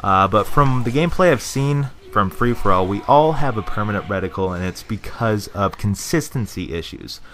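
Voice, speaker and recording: A man's voice: fairly low pitch, expressive, normal speed, few pauses, fairly bright tone, soft background music. A young man giving casual gaming opinions, rambling with lots of fillers and restarts. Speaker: gaming video creator.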